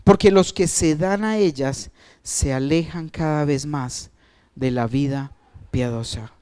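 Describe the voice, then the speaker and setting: A male pastor preaching a sermon, asking the congregation questions, stretching out key words and letting his phrases fall away quietly. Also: slow pace, smooth. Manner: asks the congregation questions and answers them; wide swings of pitch and loudness, trailing off at phrase ends.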